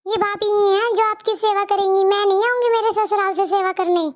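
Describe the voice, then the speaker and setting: A woman voicing a kind young sister-in-law in a cartoon story, with a high, squeaky voice and a gentle, soothing manner. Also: steady tone, a little fast.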